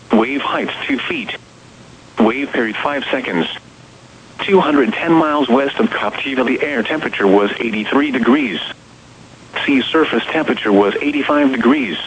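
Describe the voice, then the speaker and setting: A synthetic text-to-speech voice of an American man, middling in pitch and somewhat creaky, serves as an automated weather announcer reading scripted bulletins in short, formal segments. His delivery is measured and impersonal. It comes through a dull, noisy weather radio broadcast with a muffled signal and faint noise.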